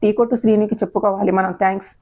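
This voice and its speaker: A woman voicing a proud, stern older father who speaks in a gruff, questioning tone in an audio story. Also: mid-range voice, little pitch movement, very fast, dark tone, lightly acted.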